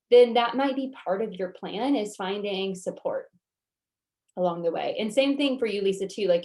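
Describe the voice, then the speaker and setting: A woman's voice: medium pitch, a little mellow. A woman with a Southern US accent coaching a workshop, answering questions in a casual, reassuring, conversational way. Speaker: goal-setting workshop coach.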